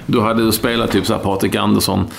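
A man's voice: on the low side, flat delivery, vocal fry. A man, talking football in blunt, rambling casual chat full of fillers, with faint noise behind him. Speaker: podcast co-host.

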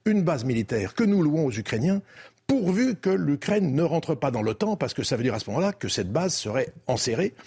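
Husky and mid-range, a little mellow, the voice belongs to an older French-accented man from France. He is a debate guest recounting diplomatic history, measured and teacherly, with emphatic phrasing.

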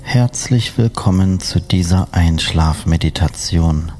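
Very slow, deep-voiced man narrating sleep meditation. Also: mellow, faint music behind. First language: German. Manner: soothing, hypnotic, unhurried with long pauses. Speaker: meditation and hypnosis guide.

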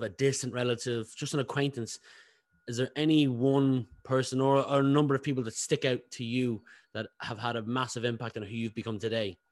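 A man hosting a business podcast, interviewing a guest in a quick, chatty way. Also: mid-range voice, dry recording. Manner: fast-talking, admits speaking fast. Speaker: podcast host. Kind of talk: casual interview.

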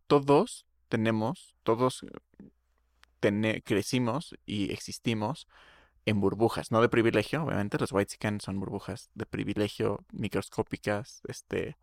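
Un hombre joven con acento mexicano, copresentador de un pódcast, opinando en charla casual con muchas muletillas y groserías. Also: male voice, medium pitch, gravelly, dry recording, clean studio sound. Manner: opinionated, slangy, rambling. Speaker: podcast co-host. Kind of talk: casual chat.

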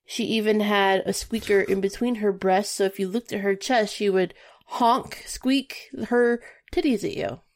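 A woman co-hosting a casual podcast chat, telling stories in an animated way. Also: medium pitch, a little slow. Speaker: podcast co-host.

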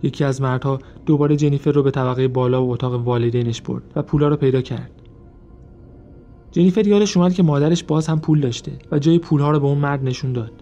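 A man narrates a true-crime story from a script, keeping his pace even and measured. His voice sits at an ordinary pitch with a warm, dark timbre. Soft music plays faintly underneath. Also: muffled recording. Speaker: podcast narrator.

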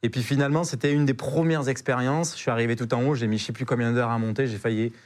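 A young man tells an adventure story as a podcast guest, loose and slangy. He stumbles and repeats words as he goes, and his pitch sits in an ordinary middle range. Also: fast. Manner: slangy, animated, full of hesitations and repeated words. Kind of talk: casual storytelling.

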